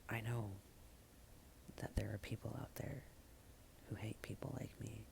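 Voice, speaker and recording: A slam poet performs slow, repetitive spoken word in a low voice crackling with heavy vocal fry. His halting, deliberate delivery stays fairly flat in pitch, with dramatic long pauses and phrases that trail off into a breathy hush. Some background noise is audible.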